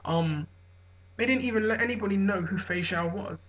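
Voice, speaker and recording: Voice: medium pitch, fast talker. A hungover person giving unscripted opinion commentary on fights, rambling and correcting themselves as they go. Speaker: online MMA commentator. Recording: dull lo-fi audio.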